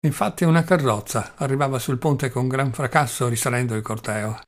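A man narrating a novel as an audiobook reader, in a steady, measured way. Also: mid-range voice.

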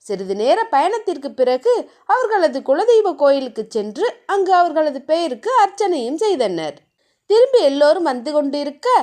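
A woman narrating a serialized romance novel in a steady storytelling manner. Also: very high voice.

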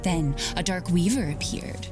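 A young mother from a horror game, voiced by an actress, telling a dark bedtime tale in a low, hushed storybook voice. She drops into whispers on the creepy turns. Game music swells behind her. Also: a little slow, natural voice. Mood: hushed storytelling. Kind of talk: scripted game narration.

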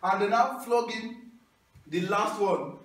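A loud Nigerian man performs stand-up storytelling in a high voice, taking his time, with background noise behind him. He is animated, singing and shouting out his punchlines. Filmed from across a small wood-panelled indoor hall while holding a mic, he sounds distant and echoey.

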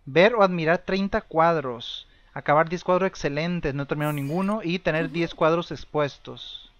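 A man's voice: on the high side, normal speed. Chatty man narrating a game. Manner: chatty, rambling, with sudden excited shouts. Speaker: gameplay streamer. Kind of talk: casual life-sim commentary.

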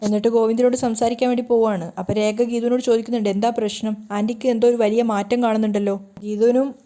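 A woman's voice: on the high side, level tone, fast talker, warm tone. A woman retelling a TV serial episode, voicing the characters' quoted lines herself. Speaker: serial recap narrator. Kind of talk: fast storytelling recap of a TV serial.

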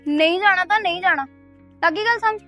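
A woman's voice: extremely high pitch, brisk, bright, forceful tone, faint music behind. A young woman acting a bold, defiant daughter who talks back with sass in a short film. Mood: teasing. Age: young adult. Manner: sassy, argumentative. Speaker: teenage daughter.

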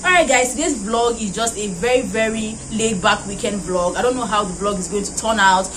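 A woman's voice: mid-range voice, fairly quick. A young woman in her twenties with a Nigerian accent, chatting animatedly on her vlog and slipping into pidgin. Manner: animated, laughing, mixing in pidgin. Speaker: vlogger. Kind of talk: casual vlog chat. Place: indoors at a doorway. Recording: noisy background.

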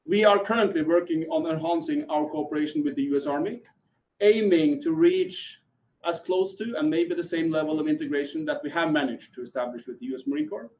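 A middle-aged man whose first language is Norwegian delivers formal prepared remarks in English. His voice is on the higher side. He speaks in a measured way, in a conference room. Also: darkish tone, a little hiss or hum, rough recording. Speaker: army officer.

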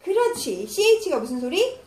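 A woman teaching English phonics to young children. She explains patiently and sounds letters out slowly. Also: very high voice, sing-song, darkish tone. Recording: echoey room with faint noise.

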